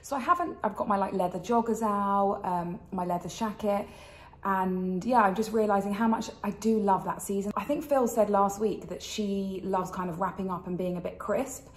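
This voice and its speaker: A British woman chats to camera as a fashion vlog host. Wearing retainers slightly affects how she forms her words. Her voice sits at a middling pitch, with the noticeable echo of a kitchen around it. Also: fairly even intonation, moderate pace. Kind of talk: chatty styling vlog. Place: indoors in a kitchen.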